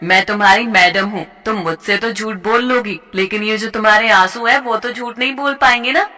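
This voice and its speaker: A woman's voice: medium pitch, fairly quick, pushed and bright, natural voice. A woman voicing a kind female schoolteacher who speaks in a soothing, encouraging way in a cartoon story.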